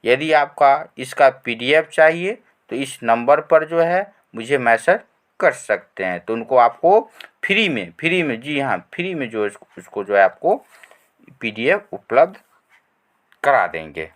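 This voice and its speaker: A male teacher, slowly reading exam questions aloud and checking in with listeners after each point. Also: medium pitch, big pitch swings. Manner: reads questions slowly, repeats phrases with tag "है ना". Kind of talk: online exam-prep lesson.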